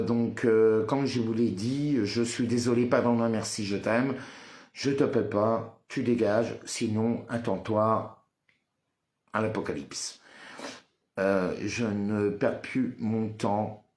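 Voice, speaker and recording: A man speaking slowly in a lowish voice, recorded in an echoey room. He chants a repeated apology mantra, then turns blunt and confrontational toward his viewers, stalling on frequent fillers between lines. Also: a little mellow. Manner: hesitant with frequent "euh" fillers. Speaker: live streamer. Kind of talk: social media live monologue.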